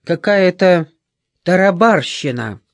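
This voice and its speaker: A man's voice: sits high, animated, takes it slowly, no room sound, clean studio sound, full character voice. A man reading an audiobook, voicing a frightened, angry old woman with scornful, indignant outbursts.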